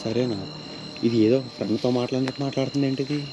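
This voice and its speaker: Excitable ghost-hunting vlogger man in a forest. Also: medium pitch, very fast, noisy background. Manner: addresses viewers as "guys", shouts and yells when scared. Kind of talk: excitable horror vlog narration. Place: outdoors in a forest. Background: background music, crickets.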